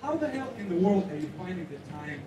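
A man from Ukraine in the audience at an outdoor event, rambling excitedly as he asks a question. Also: sits high, fast, background noise. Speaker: audience member asking a question. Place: outdoor rooftop deck. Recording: echoey and distant with crowd.

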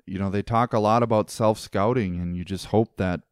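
Smooth low-voiced man discussing football. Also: fairly even intonation, normal speed, no room sound, studio quality. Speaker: podcast co-host. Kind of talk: casual sports chat.

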